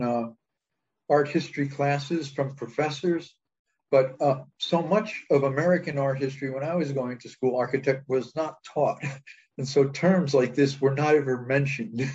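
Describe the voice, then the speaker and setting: A man with a husky voice presents and fields questions, pausing often and laughing softly. The recording sounds dull and lo-fi. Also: on the high side. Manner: hesitant, frequent soft laughs. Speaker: presenter of a nomination.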